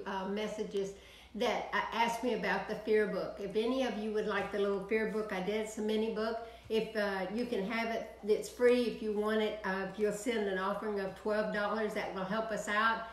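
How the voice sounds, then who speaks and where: An older woman minister with a Texan accent preaches a prayer broadcast sermon to an online audience from her home office, animated and sweeping her hands as she goes. Her voice is medium-pitched at a moderate pace, and the audio is poor, with an echoey room.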